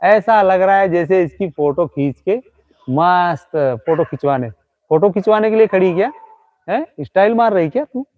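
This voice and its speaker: Outdoors at night, a man hosts a comedy live stream, teasing and chatting with a ghost he claims is standing right in front of him. His voice is high-pitched and animated at a normal speed, heard through narrow, tinny audio.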